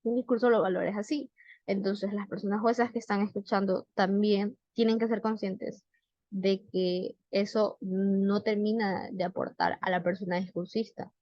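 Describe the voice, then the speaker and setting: A woman's voice: medium pitch, fairly even intonation, normal speed, no room sound. A young woman coaching debaters, explaining in a conversational way with frequent fillers and rhetorical questions. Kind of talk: explanatory talk. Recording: dull, slightly muffled sound.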